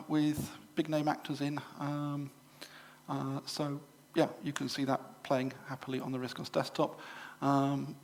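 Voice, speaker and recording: A middle-aged English man giving a live demonstration to a club audience, chatty and full of fillers and quick self-corrections. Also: on the high side. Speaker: presenter at a computer club show. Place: exhibition room at a club show.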